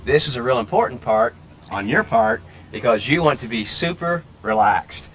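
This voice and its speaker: A middle-aged man coaching a young swimmer in a pool, his bright, forward voice counting strokes and calling out praise. He raises his voice whenever the child's ears go under the water. A faint hum of the pool sits behind him. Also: medium pitch, sing-song, normal speed, poor audio. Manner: encouraging, counts out loud in bursts. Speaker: swim instructor. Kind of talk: instructional coaching.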